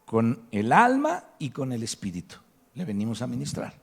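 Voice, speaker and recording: A man's voice: mid-range voice, wildly swooping pitch, moderate pace, creaky, slight background noise. A man with a Mexican Spanish accent preaching a sermon to his congregation, emphatic and asking rhetorical questions. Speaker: pastor. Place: church hall.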